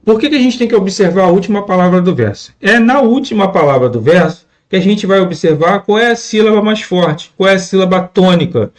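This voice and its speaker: Man, teacher, high voice, patient, repeats himself. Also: animated, fairly quick, hardly any pauses. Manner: patient, repeats words and asks "né?" often. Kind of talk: classroom lesson explaining poetry scansion.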